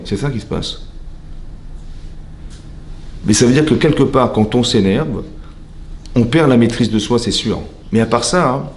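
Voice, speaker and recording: A man, a rabbi, giving a lively religious lesson. He asks rhetorical questions and keeps checking that his listeners follow him. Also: medium pitch. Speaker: rabbi teaching a class. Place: lecture hall.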